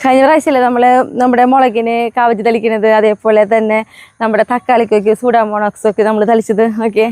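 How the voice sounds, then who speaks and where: A woman's voice: on the high side, little pitch movement, a little fast. A woman with a Kerala Malayalam accent chatting casually to the camera in a family vlog, often tacking friendly asides onto her sentences for viewers. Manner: soft baby-talk when addressing her pets. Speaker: family vlogger.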